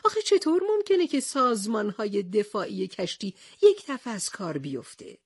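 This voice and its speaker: A woman's voice: medium pitch, big pitch swings, slightly rough, no echo, studio quality. A woman doing a muddled old professor. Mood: puzzled. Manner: bewildered, hesitant. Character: muddled, easily confused older male professor.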